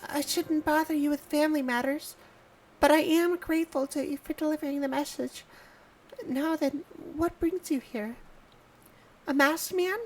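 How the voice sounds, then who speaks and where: A man voicing a gentle young woman, a settler's daughter, reading her game lines softly and apologetically. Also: very high voice, steady tone, moderate pace, voice pushed up, low-quality recording. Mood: polite. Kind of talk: reading game dialogue aloud. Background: game music.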